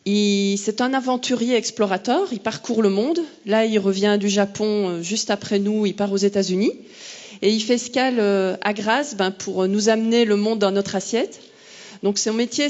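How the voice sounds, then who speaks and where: A woman's voice: medium pitch, a little mellow. A woman hosting an event, giving an unscripted introduction and often searching for words. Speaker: event host introducing a speaker. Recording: slightly muffled event recording.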